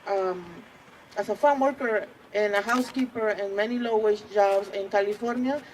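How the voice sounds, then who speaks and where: A woman in her forties with a Mexican accent, giving an earnest rally speech as a community organizer, pausing often with fillers. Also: mid-range voice, darkish tone, a little hiss or hum, low-quality recording. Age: 40s. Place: outdoors at a public rally.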